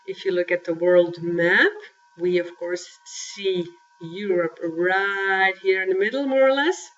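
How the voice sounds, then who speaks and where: A woman's voice: fairly low pitch, unhurried. Chatty woman presenter, distant dull sound. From Belgium. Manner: chatty, friendly, talks with filler and restarts. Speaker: speaker on cultural greetings. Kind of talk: presentation talk with slides.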